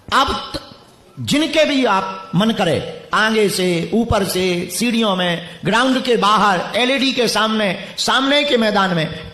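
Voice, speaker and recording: Taunting high-voiced preacher in a stadium. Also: male voice, fairly bright tone. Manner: taunting, mocking, commanding the crowd. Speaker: preacher addressing a stadium crowd. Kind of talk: live religious gathering address. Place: large packed stadium. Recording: echoey stadium with crowd ambience.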